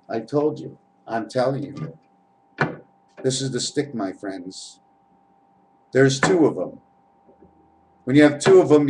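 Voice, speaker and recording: A man vlogs from home, speaking to the camera in a meandering spiritual monologue that treats viewers as friends and plays with letters and numbers. His voice is mid-range and a little mellow. The rough recording has some hiss or hum.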